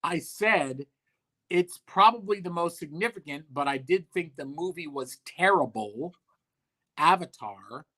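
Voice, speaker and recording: A man's voice: on the high side, lively intonation, unhurried, fairly bright tone. A man being interviewed about his sculpting work, speaking bluntly and offhandedly, with dry humor and casual swearing. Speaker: guest, monster sculptor.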